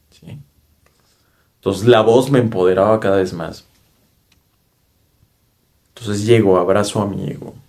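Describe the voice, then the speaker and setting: With a fairly low, warm voice, a man speaking with a Mexican Spanish accent earnestly tells of a personal spiritual experience. In this storytelling monologue he often checks in with listeners through tag questions.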